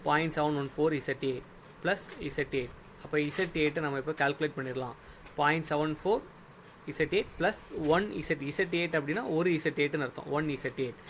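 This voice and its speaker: Patient male lecturer, slightly high voice. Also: a bit bright, a little hiss or hum. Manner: patient, step-by-step, often checks "okay?". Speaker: engineering lecturer. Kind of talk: recorded classroom lecture.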